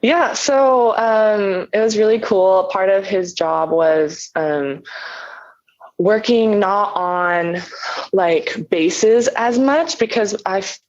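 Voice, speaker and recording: Hesitant young woman, dull lo-fi audio. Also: medium pitch. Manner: hesitant, many ums, slow and thoughtful. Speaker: podcast guest. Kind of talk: casual interview.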